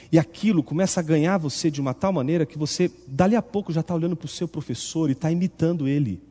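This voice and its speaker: A man preaching a sermon in an animated, rhetorical way, acting out the voices he quotes. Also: a little high. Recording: long reverb.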